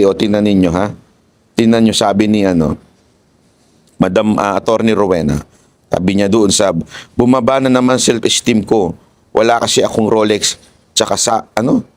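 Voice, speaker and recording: A man's voice: mid-range voice, dry recording. Heated Filipino man ranting. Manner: heated, mocking, swears, switches into English. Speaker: political commentator. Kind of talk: casual political commentary.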